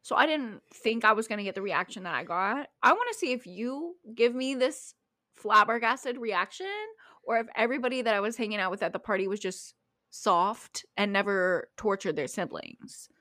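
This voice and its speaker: A young woman co-hosting a casual podcast, telling stories in an animated, giggly way on a close mic. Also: mid-range voice, moderate pace. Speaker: podcast co-host. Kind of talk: casual chat.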